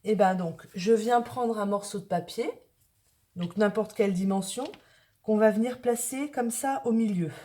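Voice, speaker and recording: A woman's voice: mid-range voice, normal speed, dark tone. A woman from northern France, chatting casually to viewers as she shows a craft project step by step. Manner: chatty, talks to viewers while working with her hands. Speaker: craft tutorial host. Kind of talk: casual craft tutorial narration.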